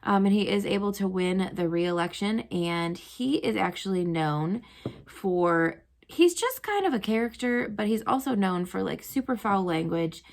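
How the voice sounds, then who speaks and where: A woman's voice: mid-range voice, animated, a little slow, darkish tone. A young woman, a teacher, casually retelling history stories to her students, chatty and full of "um" and "like". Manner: chatty, lots of "um" and "like".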